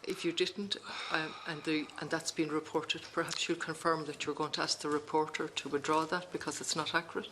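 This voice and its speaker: The speaker has a west of Ireland accent and a mid-pitched voice. The delivery is formal committee questioning, insistent and repetitive. There is clear noise with clicking on the recording. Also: level tone, a little fast, few pauses, bright, forceful tone. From Galway, Ireland. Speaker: parliamentary committee member questioning a witness.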